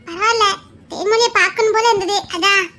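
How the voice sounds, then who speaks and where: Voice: very high voice, steady tone, fast talker, bright, forceful tone. A performer playing an emotional young woman with a Tirunelveli Tamil accent, who pleads with her friend and teases her.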